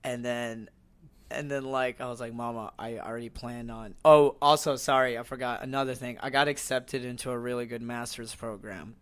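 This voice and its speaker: A man's voice: mid-range voice, fairly even intonation, normal speed, fairly bright tone, clean tone. A man in his twenties, a stand-up comedian and guest, telling stories in casual podcast chat that rambles with many restarts.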